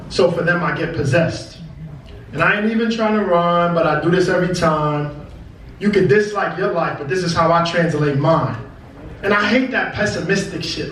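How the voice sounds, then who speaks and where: A man's voice: fairly high pitch, a bit bright. A young man from Brooklyn, New York performs a poetry reading as rhymed, rhythmic spoken word with emphatic cadence. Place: indoor cafe stage before an audience. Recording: echoey live venue, distant mic, faint noise.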